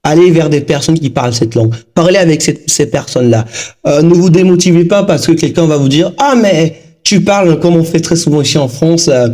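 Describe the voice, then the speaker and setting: A man in his thirties from Togo, a guest talking casually in an interview, lively and full of fillers. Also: on the high side, brisk. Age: 30s. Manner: animated, lively storytelling with frequent fillers.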